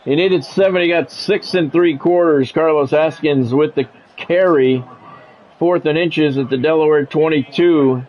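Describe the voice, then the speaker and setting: A man does conversational, blunt football play-by-play for a video game stream, reacting casually. His voice is a little high and unhurried. The highs are cut off and there's slight background noise.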